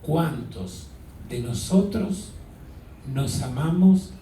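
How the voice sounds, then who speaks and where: Priest, male, high voice, drawn-out emphatic preaching; caught from afar in a roomy church. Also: expressive, warm tone, a little hiss or hum. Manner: asks the congregation questions, drawn-out emphasis. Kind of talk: sermon. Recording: echoey hall, mic far off.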